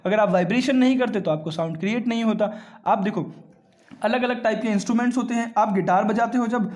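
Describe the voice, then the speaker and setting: A man's voice: sits high, darkish tone. A man teaching a science lesson. He explains step by step, asks questions and answers them himself, and keeps checking in with his students. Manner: explains step by step, often checks with "ठीक है" and calls listeners "बेटा".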